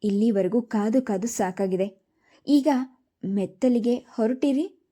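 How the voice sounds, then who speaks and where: A woman's voice: on the high side, takes it slowly, mellow. A woman reading the lines of a teasing young man who talks dramatically and exaggerates.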